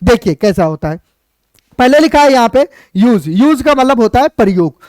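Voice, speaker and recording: A teacher explaining English grammar in Hindi, going step by step, asking questions and answering them, and slowing down to spell out each example sentence. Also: medium pitch, sing-song, a little mellow, no room sound.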